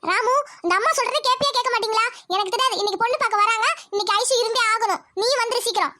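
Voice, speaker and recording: A woman voicing several characters in a family cartoon comedy, talking fast. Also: extremely high pitch, pushed and bright, no room sound.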